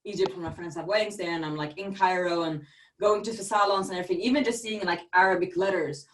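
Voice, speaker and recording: A young woman from Sweden, a podcast guest in casual chat, quick and chatty and laughing often. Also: lowish voice, steady tone, far from the mic.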